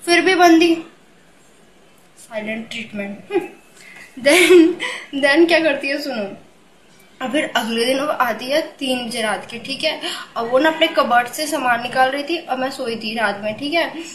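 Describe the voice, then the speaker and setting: A young woman telling a storytime vlog in a casual, animated and exasperated way, full of fillers. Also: sits high, measured pace, long pauses, echoey room, slight background noise. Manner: animated, exasperated, many fillers like "thik hai" and "bhai". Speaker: vlogger.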